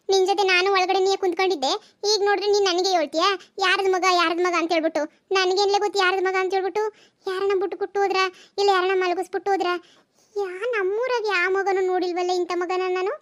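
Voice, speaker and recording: A woman voicing chatty village women in a cartoon comedy, in a rapid, gossipy, exclaiming manner. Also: very high-pitched, level tone.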